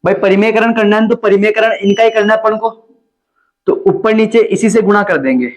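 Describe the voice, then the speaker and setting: This young maths tutor speaks in a high-sitting voice at a brisk clip, teasing and chatting with his students during class. The classroom audio is dull and lo-fi.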